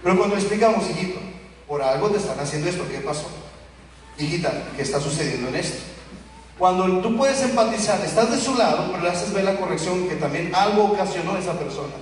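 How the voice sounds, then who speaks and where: A Mexican pastor preaches in a lively, animated way, slipping into the voices of the people in his stories. His voice sits high for a man. It comes from far off in a big hall with long echoes and faint background noise. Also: fast. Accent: Mexican Spanish. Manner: animated, acts out quoted voices of children and parents. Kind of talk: sermon. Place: church hall.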